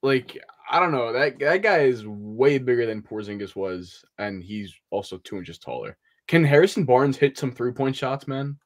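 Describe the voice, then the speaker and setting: A man's voice: mid-range voice, expressive, moderate pace, few pauses. Co-host, young man, casual and joking, webcam from a small room. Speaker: podcast co-host. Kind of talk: casual postgame chat. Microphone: video call webcam.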